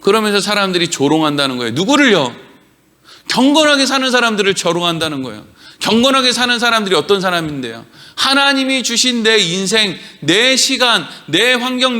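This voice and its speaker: A man's voice: high-pitched, sharp tone. A male pastor preaching a sermon in a church, emphatic, acting out prayers in mocking voices.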